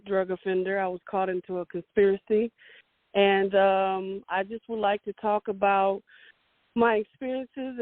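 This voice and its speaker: A Romanian woman in her forties tells her story as an interview guest, hesitating with many fillers. Her voice is medium-pitched with no echo, heard over a dry, tinny phone line.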